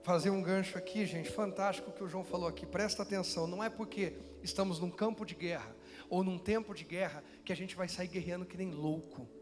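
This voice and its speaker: A man's voice: high-pitched, fairly even intonation, a little fast, long reverb tail, music in the background. A man preaching as pastor, building intensity and asking the congregation questions. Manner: preaching with rising intensity, mocking voices in quotes. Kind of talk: sermon.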